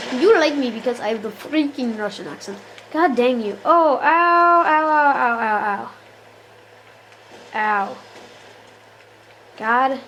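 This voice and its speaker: A woman with a high, fairly bright voice gives casual, jokey commentary while playing a shooter game, often exasperated and talking back to the characters on screen. The low-quality recording has a little hiss or hum.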